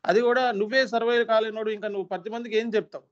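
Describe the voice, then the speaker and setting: A man's voice: sits high, fairly even intonation, racing. A man in his thirties, an SAP training instructor, making a stern, earnest appeal to his trainees and repeating points for emphasis. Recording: dull lo-fi sound.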